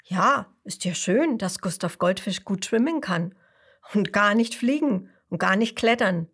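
A woman's voice: medium pitch, expressive, unhurried, a bit bright, slightly rough, full character voice. A woman voicing a young female hippo who believes she is a horse, speaking plaintively and often half-whispered, in a storybook read-aloud. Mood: puzzled.

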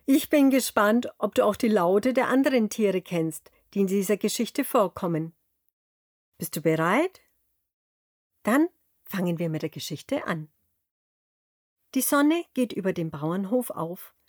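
A woman narrating a children's story, speaking slowly and clearly and addressing the young listener directly. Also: medium pitch, a little mellow, no room sound, clean studio sound.

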